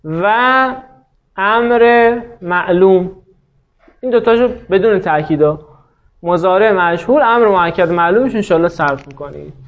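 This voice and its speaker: A man teaching an Arabic grammar class, patiently explaining rules, quizzing students and slowing down to dictate word forms. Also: high voice, lively intonation. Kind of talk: classroom lesson. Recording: dull lo-fi sound.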